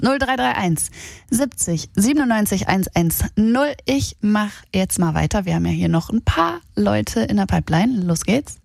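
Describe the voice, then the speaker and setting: A woman's voice: mid-range voice, creaky, darkish tone, dry recording. A woman hosting a radio call-in show in a breezy, slangy, encouraging way. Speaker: radio host. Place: radio studio.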